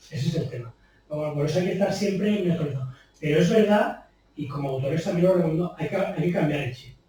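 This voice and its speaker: A man's voice: on the high side, mellow, slight background noise. A man from Spain, a copy editor giving an informal public talk in a chatty, anecdotal way, tagging on rhetorical questions. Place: bookshop event room. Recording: distant, very echoey room recording in a bookshop.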